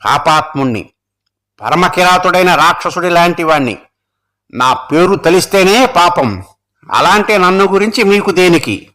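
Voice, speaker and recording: A man's voice: sits high, animated, moderate pace, bright, forceful tone. A man voicing a proud, grieving king in a storybook reading, speaking with solemn, anguished declaiming. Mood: grave.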